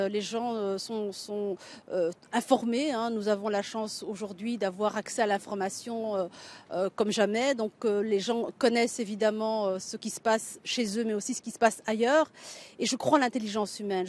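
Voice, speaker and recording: A middle-aged Belgian woman, a writer who is also running as a local candidate, answers interview questions with care, often hesitating and starting over. Her voice sits fairly high in pitch but has a somewhat dark tone.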